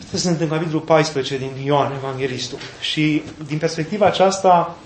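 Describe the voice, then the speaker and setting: Animated preacher man in an echoey church. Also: a little high. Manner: folksy, animated retelling with playful asides. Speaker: Orthodox preacher. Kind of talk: sermon. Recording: echoey room, faint background noise.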